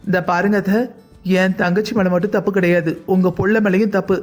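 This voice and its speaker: A protective young brother from a family cartoon, voiced by a man. He speaks firmly and defensively in a fairly high voice. Faint music sits behind him. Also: flat delivery, brisk, natural voice. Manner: firm, defensive. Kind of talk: cartoon dubbing.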